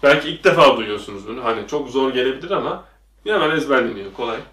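A man's voice: mid-range voice, lively intonation, fast talker, fairly bright tone. A man teaching a lesson at a whiteboard, quizzing the viewers with repeated questions, recorded in a classroom. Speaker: English teacher. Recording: echoey room, voice from a distance.

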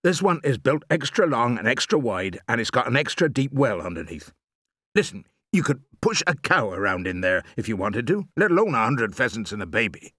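A man reading an audiobook, voicing a steady, resourceful father who is a poacher, in an easy confident tone. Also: mid-range voice, a little fast, no room sound, clean studio sound.

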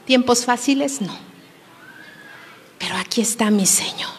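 A woman from Mexico preaches to a congregation, pressing her points with emphasis and then sinking to a hushed near-whisper. Her voice sits high, and a long reverb trails behind it through the church hall. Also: unhurried, slight background noise. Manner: emphatic, shifts between loud exhortation and hushed near-whisper. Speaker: preacher at a women's conference. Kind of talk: sermon.

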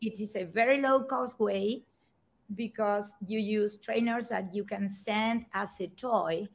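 A woman's voice: medium pitch, unhurried, gravelly. A woman speaking as the mentor and author of a research paper, earnest and apologetic, often restarting her sentences. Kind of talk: panel discussion.

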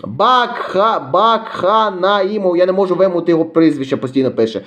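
Young western guy, quick and fairly high-voiced, casually reading out comments. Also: lively intonation, a bit bright. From western Ukraine. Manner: reads viewer comments aloud, chatty, self-deprecating. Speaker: YouTube vlogger.

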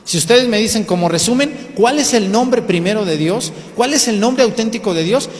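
High-voiced priest in echoing church. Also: male voice, lively intonation, normal speed. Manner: colloquial, explanatory, asks the congregation questions. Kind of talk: sermon.

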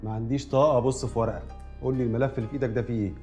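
Actor as a tired cynical official, dark mellow voice, guitar under. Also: male voice, medium pitch, steady tone, rapid-fire, lightly acted. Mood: weary. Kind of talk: Egyptian film acting.

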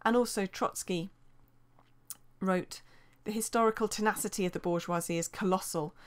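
A woman gives a revision lesson in a steady, explanatory voice-over. Her pitch sits in the middle range for a woman, and she reads quotations aloud between her points. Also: normal speed. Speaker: teacher.

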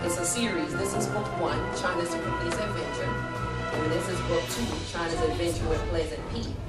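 A woman's voice: on the low side, brisk, far from the mic. A middle-aged woman leading an interactive storytime, reading and chanting to young children in a sing-song, encouraging way. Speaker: children's author visiting a school. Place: school classroom with children seated on the floor. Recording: echoey classroom from afar, loud music.

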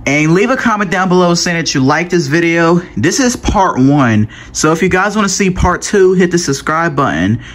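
A man's voice: a little high, expressive, normal speed, hardly any pauses, fairly bright tone. A man wrapping up his homemade cartoon video as channel host, talking casually and stumbling over his words.

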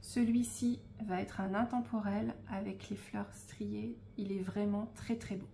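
A woman hosting a casual unboxing of craft supplies, speaking in a relaxed, hesitant way with frequent fillers and soft asides. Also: medium pitch, unhurried, vocal fry, a little hiss or hum. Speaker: scrapbooking shop host.

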